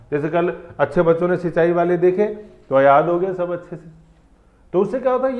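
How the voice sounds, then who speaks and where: A man teaching an exam-prep class in a conversational way, often repeating points and checking in with the students. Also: high voice. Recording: dull lo-fi sound.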